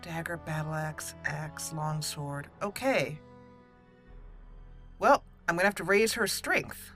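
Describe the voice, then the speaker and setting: Soft music plays under a woman's low, slow, fairly bright voice as she hosts a game playthrough for her gaming channel. Her let's play commentary is casual, full of chat and thinking aloud.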